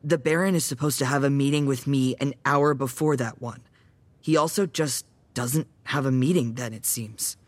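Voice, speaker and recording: A performer voicing an anxious, guilt-ridden young male vampire fledgling in an audio drama, earnest and quick to worry. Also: mid-range voice, lightly acted.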